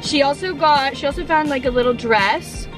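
A young woman with a high voice vlogs casually into a handheld camera, cheerful and full of fillers, first in a hotel room and then in a parked car. She talks at a moderate pace, with music playing in the background.

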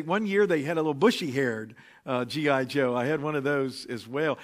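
Pastor preaching at a pulpit microphone. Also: male voice, fairly high pitch. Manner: relaxed, anecdotal, with frequent fillers. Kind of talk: conversational sermon. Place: church sanctuary.

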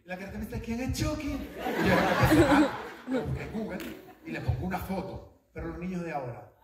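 A man doing animated stand-up comedy on a live stage, shrieking into high voices. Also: fast, distant mic, very noisy. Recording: roomy venue, from the mic, loud crowd.

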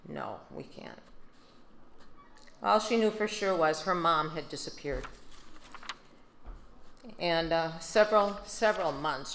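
An older woman with a Midwestern American accent, giving a steady, subdued prepared speech at a podium into a handheld mic. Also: deep voice, slight background noise. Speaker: grieving mother giving a speech. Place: large banquet hall. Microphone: handheld microphone. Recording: echoey banquet hall.

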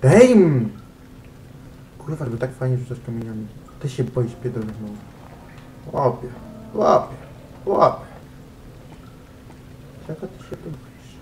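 A man gives casual let's-play commentary on a horror game. He is jumpy and swears freely, and he chats to the objects he picks up. He talks at an unhurried pace over a noisy background. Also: medium pitch. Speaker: gamer.

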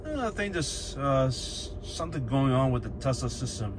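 A man's voice: medium pitch, sing-song, moderate pace. A man vlogging a road trip from inside his car, chatting and thinking aloud with small fillers. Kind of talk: casual driving commentary. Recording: car noise in background. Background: car road noise.

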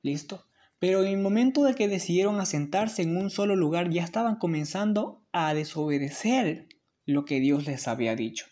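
A speaker reading the Bible aloud and explaining it, with measured, deliberate phrasing. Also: medium pitch, warm tone. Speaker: Bible reader and commentator.

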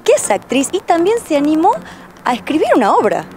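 A young woman TV host with an Argentine accent, brisk and upbeat as she leads an outdoor interview. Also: sits high, sing-song, noisy background. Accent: Argentine Spanish. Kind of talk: TV interview hosting. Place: outdoors by a plant wall. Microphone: handheld mic.

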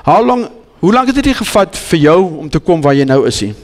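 A man preaching in a church hall, his South African accent and Afrikaans roots plain in every phrase. His voice sits somewhat high and carries an earnest, pleading urgency, stumbling into restarts as he presses his questions. A long reverb trails each line through the hall. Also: sing-song, a little fast. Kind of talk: bilingual church sermon.

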